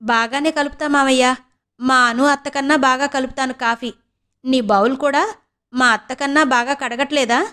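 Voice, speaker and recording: A woman voicing a quick-tongued young student niece who chats, teases and grumbles to herself. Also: high-pitched, fairly even intonation, bright, forceful tone. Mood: cheeky. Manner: chatty, teasing, grumbling asides.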